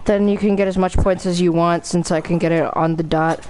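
A woman's voice: fairly low pitch, fairly even intonation, a little fast, a little mellow, slight background noise, low-quality recording. Hyped, slangy woman gamer. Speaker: gamer playing co-op. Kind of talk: casual gaming chat.

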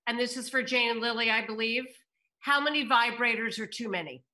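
A middle-aged woman moderates a video call from a room at home, reading out script directions and audience questions. Her voice is a little high, brisk and sharp-toned. She acts as both moderator and stage-direction reader.

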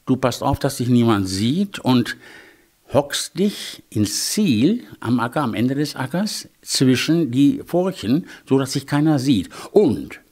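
A man's voice: medium pitch, very animated, slow, a little mellow. A man voicing a polite, cunning male hedgehog in a children's fairy tale, with a chirpy, sly manner. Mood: scheming.

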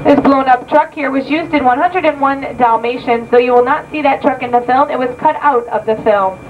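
A woman giving a rehearsed studio backlot tour, pointing out sights in a brisk, informative way, heard on an old VHS home video tape. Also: high-pitched. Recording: muffled, hissy VHS tape from a distance.

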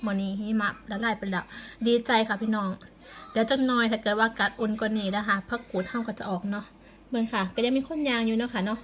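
Woman vlogger, Isan Thai accent, friendly step-by-step explainer, voice a touch high, faint hiss behind. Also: fairly bright tone, rough recording. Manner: chatty, explains plant care step by step. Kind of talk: casual home vlog tour.

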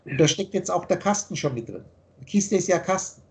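A man with a high-pitched voice lectures over a video call. He speaks emphatically as a spiritual teacher. He often repeats and rephrases his points. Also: lively intonation, brisk, creaky. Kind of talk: explaining ideas in a video call.

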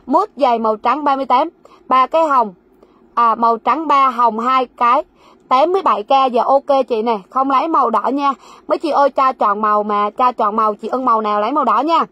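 A woman's high-pitched, bright, forceful voice comes through a dry, muffled recording as she sells goods on a livestream from a warehouse. Speaking fairly quickly in fast live-sale patter, she repeats sizes and prices and coaxes viewers to comment their orders.

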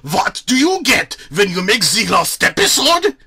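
A man voicing an angry male bear puppet comedian with a German accent, yelling jokes. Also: sits high, wildly swooping pitch, unhurried, slightly rough, voice pushed up, exaggerated voice.

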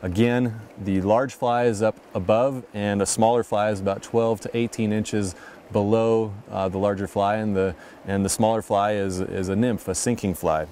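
A man narrating a fly fishing lesson in a calm, explanatory manner. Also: lowish voice, normal speed, slight background noise. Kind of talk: instructional voice-over narration.

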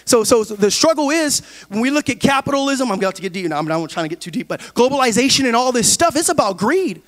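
A middle-aged man preaching a sermon in a large church, on a handheld mic, dropping low and quiet and then rising to shouted preaching. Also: big pitch swings, quick pace. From California. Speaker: pastor.

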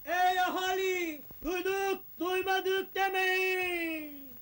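High, shouting village town crier. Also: male voice, fairly even intonation, heavily acted. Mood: proclaiming. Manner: loud, drawn-out formal calling. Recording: very noisy old film soundtrack.

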